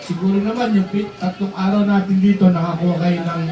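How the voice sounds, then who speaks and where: A man preaching a sermon, calling out to the congregation, joking, and shouting at the high points. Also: fairly even intonation, a little fast. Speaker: bishop preaching. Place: large hall with a congregation. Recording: echoey hall from far off, crowd.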